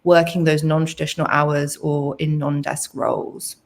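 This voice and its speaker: A woman's voice: low voice, flat delivery, moderate pace, gravelly. A woman hosting a conversational interview, agreeable and informal in how she responds and asks questions. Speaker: interviewer, host.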